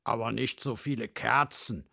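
A man's voice: medium pitch, steady tone, normal speed, creaky, voice pushed down, exaggerated voice. A man playing a cozy, hooting owl. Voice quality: soft, hooting. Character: cozy owl who loves dim light.

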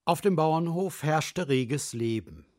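A man narrating a Christmas fable, reading in an expressive storybook style. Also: a little high, takes it slowly.

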